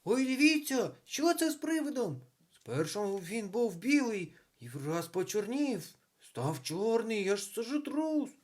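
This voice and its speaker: A man voicing a crowd of excited young schoolchildren calling out in alarm. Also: high voice, unhurried, pitched above the performer's own voice, full character voice. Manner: shouting, calling out.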